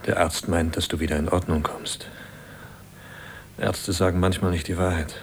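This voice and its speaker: A tender husband speaks to his sick wife in hushed tones in a German radio play. His voice is extremely low, with a faint rumble in the background. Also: level tone, moderate pace. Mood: gentle. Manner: gentle, hushed, often whispered. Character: devoted husband caring for his dying wife.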